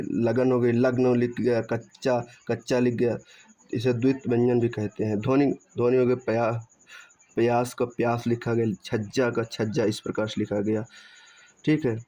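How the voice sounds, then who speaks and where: A man with a mellow, dark-toned voice takes students through Hindi grammar, repeating each rule and asking and answering his own questions. He stretches syllables slowly when spelling sounds out. The recording is dull and muffled. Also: mid-range voice. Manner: repetitive, asks and answers his own questions, checks with "theek hai". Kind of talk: online grammar lesson.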